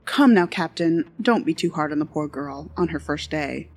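A man voicing a graceful, composed woman who is a dorm mistress, speaking gently and reassuringly. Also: on the high side, lively intonation, moderate pace, gravelly, voice pushed up.

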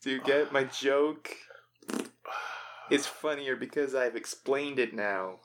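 A man's voice: mid-range voice, takes it slowly, fairly bright tone, slight background noise. A man hosting a podcast, chatting casually in outtakes with wry, self-mocking jokes. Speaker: podcast host. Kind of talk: casual joking chat in outtakes.

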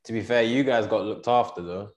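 A man's voice: fairly low pitch, a little fast. A man hosting a casual interview chat in a laid-back, slangy way. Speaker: podcast host, former academy footballer.

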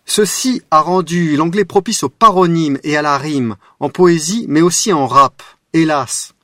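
A man hosting a radio show, narrating a scripted talk with a measured, wry delivery. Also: fairly high pitch, a bit bright, no room sound, clean studio sound.

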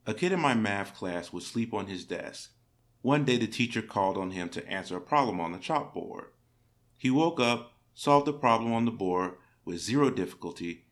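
A man narrating stories read from the internet in a steady, measured way. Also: on the low side. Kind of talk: reading internet stories aloud.

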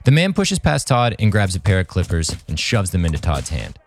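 A man's voice: low voice, wildly swooping pitch, fairly quick, slight background noise. A man narrating a scripted story aloud as a podcast host.

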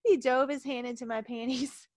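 A woman's voice: high-pitched, steady tone, moderate pace, dry recording. A woman reading fan fiction aloud on a podcast, giggling and breaking off in embarrassment. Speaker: podcast co-host.

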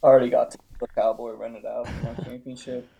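A man's voice: mid-range voice, little pitch movement, brisk, creaky, dark tone, lo-fi sound. A man chatting casually as an interview guest, cocky and tongue-in-cheek. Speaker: guest league member being interviewed. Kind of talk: casual chat.

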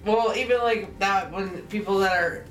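A woman in a casual podcast chat, chatty and quick to laugh. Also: mid-range voice, a bit bright, echoey room, far from the mic, soft background music. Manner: laughing, chatty, many "like" fillers. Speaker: podcast co-host.

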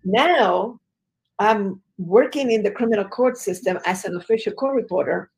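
A woman guest from Chile recounts her life in an interview, with earnest emphasis and casual fillers. Her voice has a gravelly, creaky edge at a middle pitch. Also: normal speed, a little mellow, low-quality recording. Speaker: guest, business educator. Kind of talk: conversational storytelling interview.

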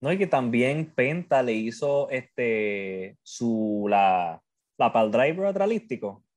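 A man's voice: medium pitch, lively intonation, takes it slowly, a little mellow. A man co-hosting a wrestling podcast, joking around in casual chat and hesitating with filler words.

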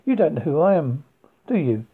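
A woman's voice: low voice, big pitch swings, moderate pace, husky, exaggerated voice. A reader voicing an angry, confrontational woman in her forties who speaks in a scornful, accusing way. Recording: tinny phone-like sound.

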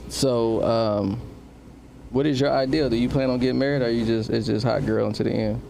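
A man's voice: mid-range voice, fairly even intonation, brisk, gravelly, noisy background. A man hosting a casual podcast chat, asking questions and teasing his guests. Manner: teasing, joking interviewer. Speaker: podcast host.

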